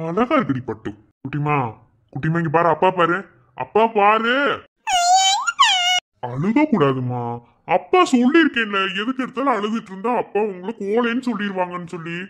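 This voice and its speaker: A man with a Madurai Tamil accent voicing a village brother-in-law and doting father in a cartoon, joking with family and softly coaxing his child. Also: high voice, fast talker, few pauses, background noise, close to an everyday voice. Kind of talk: cartoon voice acting.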